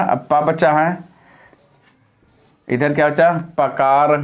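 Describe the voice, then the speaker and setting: A male teacher explaining a grammar lesson patiently, step by step, while writing on a board. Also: fairly high pitch.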